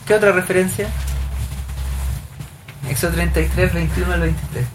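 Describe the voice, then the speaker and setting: A woman's voice: lowish voice, steady tone, moderate pace, over music. A woman leading a group Bible study, explaining scripture and asking the group questions. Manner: asks the group questions, reads verses aloud.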